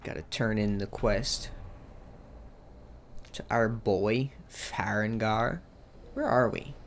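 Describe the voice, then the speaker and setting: Joking young man, gravelly gameplay chatter. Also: on the low side, slow pace, a little hiss or hum. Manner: joking, slangy, talks to himself. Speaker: let's play host. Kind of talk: casual gameplay commentary.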